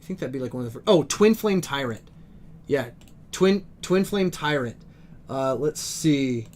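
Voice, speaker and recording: A young man at a game store reading card names aloud on a live stream and chatting with viewers, easily excited by good pulls. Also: mid-range voice, moderate pace, a little hiss or hum. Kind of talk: live-stream pack opening commentary. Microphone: desk microphone.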